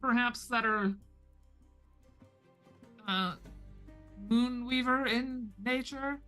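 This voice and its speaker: A woman's voice: on the high side, very slow, sharp tone. A woman chatting casually as a player in a tabletop game. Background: faint music.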